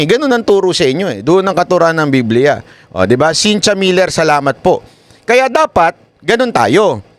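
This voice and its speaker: A man giving live-stream commentary in an animated way, often tossing tag questions to viewers. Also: medium pitch. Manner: animated, keeps asking "di ba?". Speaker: online news commentator.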